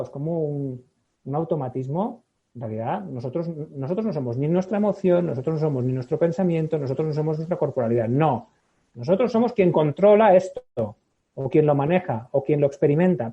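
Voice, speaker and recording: A man with a Spain Spanish accent, a public speaking expert explaining as a podcast guest. He talks in an animated way, acts out little scenes and keeps checking in with "¿no?". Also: a little high, breathy edge. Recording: thin phone-like audio.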